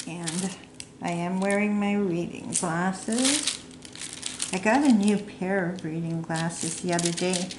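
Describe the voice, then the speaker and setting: A woman's voice: fairly low pitch, slow. A middle-aged woman chatting casually and rambling while she works on a craft project at home, sometimes putting herself down. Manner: rambling, chatty, self-deprecating. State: hiccups. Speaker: crafting vlogger. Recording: echoey room with clear background noise.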